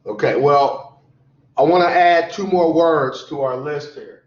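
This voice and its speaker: A tired, sleepy man teaching a lecture class, repeating definitions slowly so students can write them down. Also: on the high side. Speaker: college instructor. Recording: echoey classroom, dull lo-fi sound.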